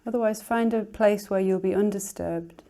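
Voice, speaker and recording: A woman teacher soothingly guides a relaxation exercise at an easy pace, giving gentle instructions in a soft voice that turns breathy at the end of phrases. Her voice sits in the mid range.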